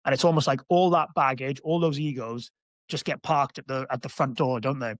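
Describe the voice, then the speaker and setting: A man's voice: medium pitch, steady tone, dry recording. A man co-hosting a podcast, talking thoughtfully and hesitantly in casual chat. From Wales. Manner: thoughtful, hesitant, slows to explain. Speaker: co-host, former rugby player.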